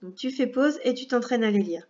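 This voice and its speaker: A woman teaching a first-grade reading lesson, speaking patiently with clear articulation and talking straight to the child. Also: fairly high pitch, expressive, fairly quick, dark tone, dull audio.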